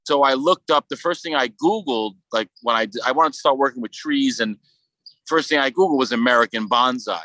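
A man with a Brooklyn accent talking casually as a podcast guest, in a halting, rambling way full of "you know". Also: medium pitch, sharp tone, no echo, rough recording. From Brooklyn, New York. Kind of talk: casual conversational interview.

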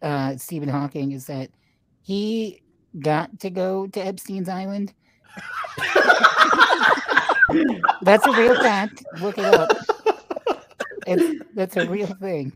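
A man guesting on a casual podcast, cracking dry deadpan jokes. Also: high-pitched, slight background noise. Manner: slow, dry deadpan humor. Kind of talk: casual crude banter.

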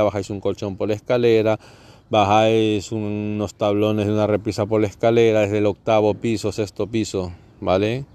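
A man hosts a podcast, ranting in a sarcastic, foul-mouthed comic monologue. His voice sits somewhat low, with a dark, mellow tone. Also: clean tone. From Catalonia. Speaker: podcast host.

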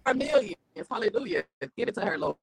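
A woman from Mississippi co-hosting a casual chat, energetic and preacherly, exclaiming. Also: on the high side, moderate pace, creaky, slightly rough. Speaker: co-host.

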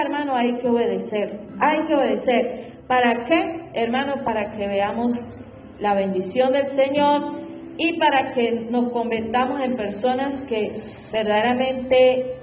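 A woman's voice: sits high, unhurried. A woman preaching a sermon. She speaks fervently and keeps repeating her refrains to the congregation. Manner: fervent, repeats "hermano" and "gloria al Señor". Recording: echoey room, dull lo-fi sound, faint music behind.

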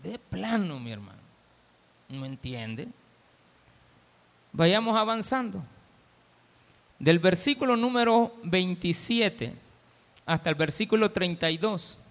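Salvadoran male pastor, lively sermon delivery with acted-out quotes, high bright voice, echoey hall. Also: slow pace, pauses often. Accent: Salvadoran Spanish. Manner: animated, acts out quoted voices.

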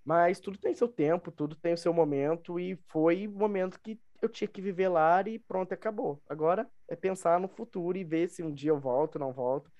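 Chatting as a podcast guest, a young man with a Brazilian Portuguese accent tells personal stories and repeats phrases for emphasis. His high, warm voice moves fairly quickly with hardly any pauses, and the highs sound cut off.

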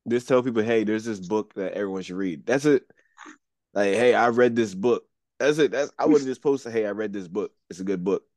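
A man's voice: fairly low pitch, brisk, darkish tone, no echo, clean studio sound. A man co-hosting a casual podcast, talking bluntly and with a lot of swearing, and often taking the devil's advocate side. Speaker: podcast co-host. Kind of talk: casual chat.

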